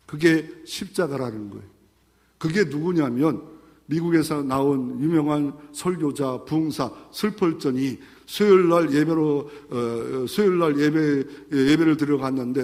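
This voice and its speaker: High-voiced male pastor preaching in a reverberant hall. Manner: animated, dramatic storytelling. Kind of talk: sermon.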